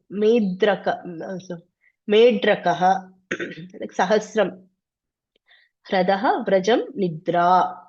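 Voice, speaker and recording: A woman's voice: medium pitch, a little mellow. A woman teaching a Sanskrit class online, explaining patiently and step by step. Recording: slightly dull lo-fi audio.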